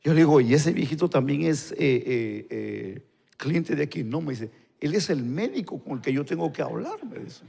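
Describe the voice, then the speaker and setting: A male pastor, telling a story in a live sermon and acting out the dialogue in quieter voices. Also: fairly high pitch, sing-song, normal speed, creaky, slightly rough. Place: church hall. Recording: long church-hall reverb.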